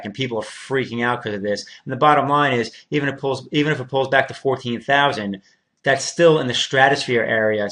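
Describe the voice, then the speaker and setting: A man's voice: medium pitch, a bit bright. A man hosting a casual trading show, walking through price charts in a laid-back, slangy way with loose fillers. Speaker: crypto trader host.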